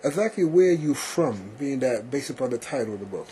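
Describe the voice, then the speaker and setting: A man hosting a talk show, asking long-winded questions he keeps rephrasing and answering with steady okays and yeses. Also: medium pitch, fairly quick, slight background noise. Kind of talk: casual interview.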